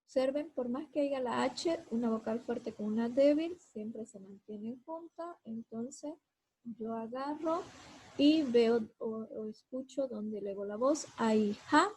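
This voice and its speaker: A woman's voice: a little high, a little slow, dark tone, slightly rough, poor audio. A woman teacher giving a lesson, explaining each step and talking straight to her students. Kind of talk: classroom lesson.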